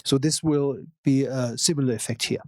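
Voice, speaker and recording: Measured male executive, dry close sound. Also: medium pitch, steady tone, dry recording. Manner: measured, explanatory, with frequent fillers. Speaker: company executive answering investors. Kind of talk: investor Q&A answer.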